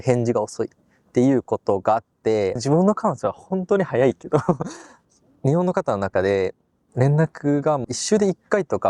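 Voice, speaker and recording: Korean-born man, mellow, dry sound. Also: medium pitch, no room sound. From Busan, South Korea. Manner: earnest, gives advice, laughs easily. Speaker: guest. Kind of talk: casual conversation.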